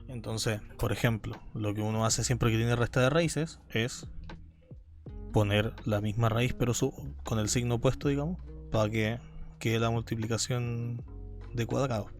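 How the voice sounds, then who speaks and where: A man's voice: mid-range voice, steady tone, moderate pace, faint music behind. A man teaching a university calculus class, explaining step by step and often checking in with his students. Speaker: university math lecturer. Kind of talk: live calculus lecture.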